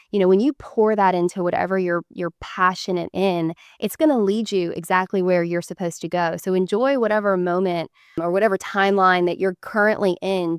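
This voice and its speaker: A woman guest speaks earnestly in an interview, giving motivational advice drawn from her own story. Her voice is smooth and resonant and sits fairly low. The recording is dry and close. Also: no room sound. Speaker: guest, foundation founder. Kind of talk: casual interview chat.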